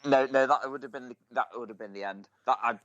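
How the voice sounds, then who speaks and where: A man's voice: mid-range voice, fast talker, a bit bright, no room sound. A man co-hosting a podcast, cheeky and teasing with crude jokes. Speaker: podcast co-host. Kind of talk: casual chat. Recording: dull lo-fi dry sound.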